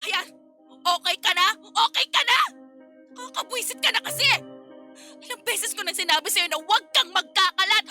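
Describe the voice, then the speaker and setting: A woman's voice: very high-pitched, moderate pace, bright, forceful tone, soft background music, exaggerated voice. A woman playing a tired working wife in a radio drama, scolding in a stream of exasperated complaints. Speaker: lead character in a radio drama.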